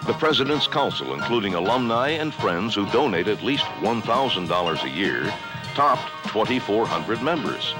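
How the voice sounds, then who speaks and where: Over loud background music serving as a music bed, a man reads a scripted university newsreel styled as a year-in-review report. His voice is fairly low with big pitch swings, his pace moderate, and the recording rough.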